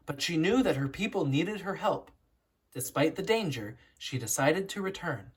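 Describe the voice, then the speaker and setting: An educator reads a children's picture book aloud with expressive, storytelling flair, stressing words deliberately to instruct. Her voice is mid-range and slightly husky.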